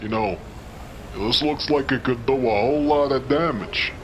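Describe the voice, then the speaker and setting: Man acting street-tough doorman, medium pitch, chummy, slangy, rambling, dim but friendly, noir audio drama. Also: moderate pace, a little hiss or hum, close to an everyday voice. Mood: chatty. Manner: slangy, rambling wise-guy talk.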